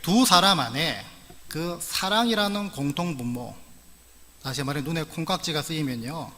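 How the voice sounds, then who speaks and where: A man's voice: a little high, lively intonation, normal speed, pushed and bright. A middle-aged man from the Gyeongsang region of Korea preaching a sermon as pastor, earnest with humorous asides. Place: church sanctuary. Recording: long church-hall reverb.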